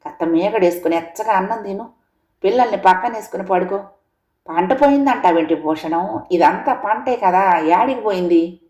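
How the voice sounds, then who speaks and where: A woman voicing an elderly village mother who speaks gently and consolingly in a storybook reading. The recording has a roomy echo. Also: mid-range voice, moderate pace, close to an everyday voice. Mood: tender. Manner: gentle, consoling rural speech. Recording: echoey room.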